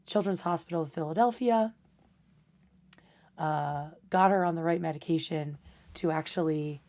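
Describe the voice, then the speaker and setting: Rambling woman streamer, slightly low voice. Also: a little mellow. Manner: loose, rambling delivery. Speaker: livestream host. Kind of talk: casual livestream chat.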